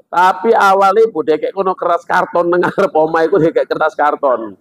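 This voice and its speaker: A man's voice: on the high side, brisk. A man preaching a humorous sermon at a mosque gathering, telling stories and acting out characters. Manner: joking, animated, acts out characters. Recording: dull lo-fi sound.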